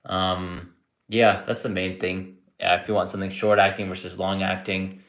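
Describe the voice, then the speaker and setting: A man in his thirties talks casually through a live-stream Q&A as a psychiatrist, relaxed and chatty, restarting his sentences often. His voice sits fairly low. The room around him is echoey. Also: moderate pace. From born in India, grew up in Canada. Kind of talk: casual live-stream chat answering viewer questions.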